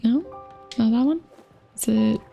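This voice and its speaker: A woman's voice: a little high, unhurried, vocal fry, dark tone, soft background music. A woman streamer chatting casually to her viewers while playing a game. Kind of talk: casual gaming chat.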